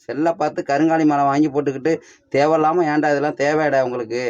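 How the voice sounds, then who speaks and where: A young man with a Tamil Nadu village accent in a casual comedy skit, excitably firing questions and scolding his friend. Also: on the high side, fast, no room sound, highs cut off.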